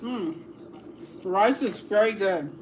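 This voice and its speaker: A middle-aged woman hosting a casual livestream at home, chatting slowly while eating and savoring each bite with hums. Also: medium pitch, background noise. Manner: slow and relaxed, savoring food with hums. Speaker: livestream host.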